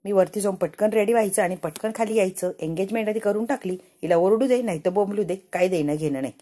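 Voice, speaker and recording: A flustered young woman who babbles and pleads in a panic, as a woman acts her out. Her voice is mellow rather than bright. It is part of a spoken serial recap. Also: medium pitch, fast, lightly acted. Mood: panicky.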